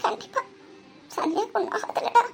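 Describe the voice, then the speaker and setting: A woman's voice: extremely high pitch, a little fast, vocal fry, very noisy. A woman voicing a tearful, anxious young woman in a cartoon drama. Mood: tearful worried. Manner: tearful, worried.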